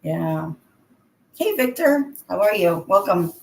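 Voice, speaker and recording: A woman's voice: medium pitch, sing-song, takes it slowly. Woman chatting casually in an echoey bathroom. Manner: chatty, addresses viewers by name. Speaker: livestream host. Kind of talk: casual livestream chat with viewers. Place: indoors, in a bathroom. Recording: echoey bathroom, clear background noise.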